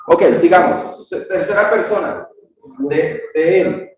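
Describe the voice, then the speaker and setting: A man's voice: sits high, slow pace. A man teaching a grammar lesson in a church classroom, checking in with short questions and repeating key words. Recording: echoey room, distant mic, faint noise.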